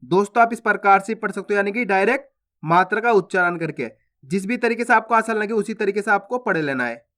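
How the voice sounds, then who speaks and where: A man teaching Hindi reading, sounding out syllables slowly and stretching each word, with quicker explanations between. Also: high-pitched, sharp tone. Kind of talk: slow phonics lesson, drawn-out syllables.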